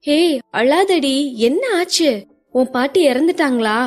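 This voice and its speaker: A woman playing Avanthika, a brisk, firm young woman. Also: high voice, animated, soft background music. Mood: worried. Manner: brisk, scolding, then coaxing. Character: irritable but caring young woman, quick and firm.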